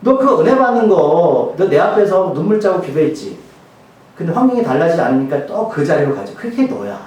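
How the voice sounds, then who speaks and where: A pastor putting on the voice of God, a stern but loving father, talks bluntly and informally to a stubborn believer. The voice is high and lively and carries from a distance through a very echoey hall. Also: a little fast. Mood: chiding.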